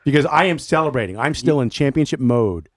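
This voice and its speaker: A man co-hosting a casual sports talk show, animated and mock-outraged, often laughing. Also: medium pitch, fairly quick. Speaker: co-host.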